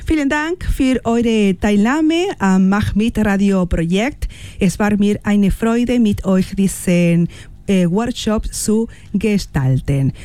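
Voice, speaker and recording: A woman with a warm, mid-range voice hosts a radio programme, partly reading from a script. She is a radio host and workshop leader, and she speaks in an encouraging way.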